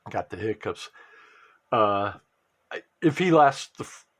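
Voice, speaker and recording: A man's voice: on the low side, lively intonation, measured pace. A man chatting casually while opening a pack of sports cards, rambling with restarts and trailing asides. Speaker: sports card collector and fantasy football vlogger.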